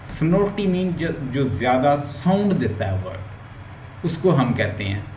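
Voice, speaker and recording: A man's voice: medium pitch, sing-song, a little slow, darkish tone. Man teaching phonetics in an echoey room. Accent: Pakistani Urdu. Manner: explains step by step, mixes English terms into Urdu. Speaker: linguistics teacher. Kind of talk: online lecture. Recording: roomy echo, faint background hum.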